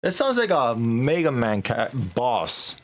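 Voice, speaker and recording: A man's voice: mid-range voice, huge pitch swings, slow pace. A man live-streaming a game, chatting casually and animatedly with viewers, laughing and swearing offhand.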